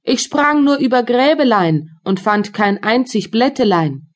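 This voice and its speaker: A rhyming, bleating nanny goat from a storybook, voiced by a woman. She is set higher than the narration and draws out her words in a sing-song way. Her bleats ring out loud. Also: animated, measured pace. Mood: complaining. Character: hungry, complaining female goat.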